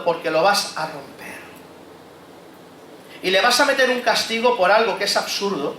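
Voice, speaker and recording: A pastor preaching a conversational sermon, acting out inner monologues and asking the congregation rhetorical questions. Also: male voice, high voice, bright, forceful tone, a little hiss or hum. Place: church hall. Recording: echoey church hall, faint ambience.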